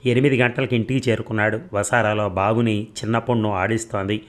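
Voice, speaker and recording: A middle-aged man narrates a story in a low voice. His reading is steady and measured, and he gives the characters' lines their own turn without breaking the flow. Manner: steady reading, voicing dialogue of both lovers.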